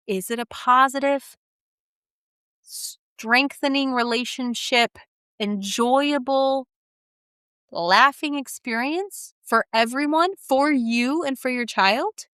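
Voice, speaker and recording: A woman's voice: sits high, clean tone, no echo. A woman feeding therapist giving encouraging, practical advice to parents in a solo talk. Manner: warm, encouraging, animated teaching.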